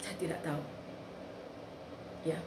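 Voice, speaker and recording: A woman's voice: measured pace, heavy background noise. Earnest woman telling a testimony in an echoey room. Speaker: eyewitness sharing a testimony. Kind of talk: personal testimony.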